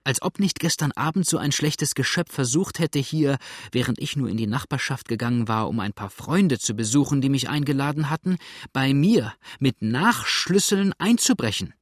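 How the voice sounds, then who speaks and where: A male reader voicing an indignant, chattering old widow with a shrill, scolding voice. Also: expressive, normal speed, no echo, clean studio sound, close to an everyday voice.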